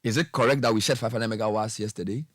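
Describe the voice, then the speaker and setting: A man, a smooth radio host probing a guest with pointed questions in a studio. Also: fairly low pitch, fairly even intonation, fast talker, no room sound. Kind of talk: pressing radio interview.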